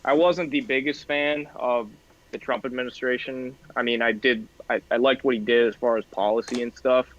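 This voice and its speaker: Halting man on a dull call line. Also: mid-range voice, fairly even intonation, fairly bright tone. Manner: halting and apologetic, stumbling over words. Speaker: debate guest. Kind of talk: casual political debate. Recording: dull lo-fi video call audio.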